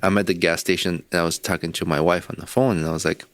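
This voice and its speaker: A man's voice: deep voice, steady tone, fast, fairly bright tone, dry recording. A man co-hosting a casual podcast, telling a long story with profanity and frequent laughs. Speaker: podcast co-host.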